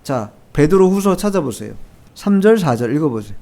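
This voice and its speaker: A man's voice: fairly high pitch, very animated, fairly quick, creaky, warm tone. A male pastor preaching a Sunday sermon in church, emphatic, posing rhetorical questions to the congregation and repeating key phrases. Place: church sanctuary.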